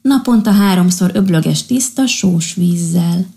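A woman voicing a kind, tired little female sea doctor who gently scolds her patients in a storybook. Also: on the low side, expressive. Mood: gentle, caring.

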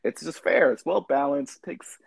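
A man's voice: on the high side, normal speed, gravelly, breathy edge, no echo. A man co-hosting a casual sports podcast, talking in a loose, rambling way. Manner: loose and rambling, frequent restarts. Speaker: podcast co-host.

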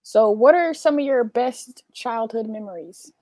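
A woman hosting a casual interview, asking brisk questions and giving short backchannels. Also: fairly high pitch, lively intonation, darkish tone. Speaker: host, interviewer.

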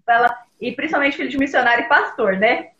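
A woman's voice: high-pitched, lively intonation, fast, pushed and bright, echoey room, lo-fi sound. A woman, a missionary mother, speaking earnestly about faith in a casual video call interview, with hesitant restarts.

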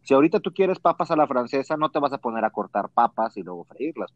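A man's voice: medium pitch, very animated, quick pace, no echo, lo-fi sound. A man with a Mexican accent hosting a casual podcast chat, slangy and telling stories with quoted dialogue. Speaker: podcast host.

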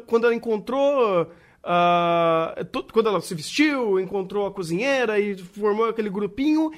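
A podcast co-host, talking in a rambling, animated way and swearing freely in casual chat. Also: medium pitch, moderate pace.

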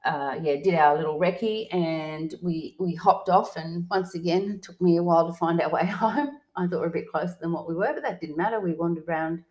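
A low-pitched woman recounting a trip in relaxed podcast chat. She wanders through the story, stopping and restarting with fillers as she goes. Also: a little fast, hardly any pauses, rough recording. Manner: rambling, lots of fillers and restarts. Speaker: podcast co-host. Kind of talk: casual travel chat.

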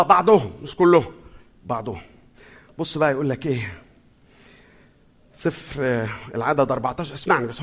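A middle-aged man with an Egyptian accent preaching a sermon in a lively, conversational way, putting questions to his audience. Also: on the high side, husky. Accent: Egyptian Arabic.

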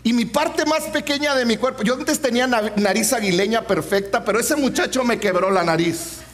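Man preacher, 40s, very high voice, humorous storyteller. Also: a little fast, fairly bright tone. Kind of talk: sermon with personal story.

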